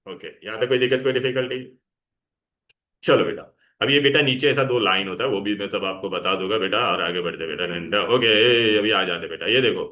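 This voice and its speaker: In this classroom lecture, a chemistry teacher speaks a little fast with a fairly low, bright and forceful voice. He switches between Hindi and English and coaxes students, addressing them as "beta."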